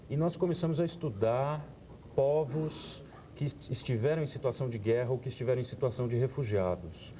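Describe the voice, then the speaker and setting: A man, a theater director on a TV talk show, explaining his work in a thoughtful, measured way. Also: lowish voice, mellow, a little hiss or hum. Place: TV studio.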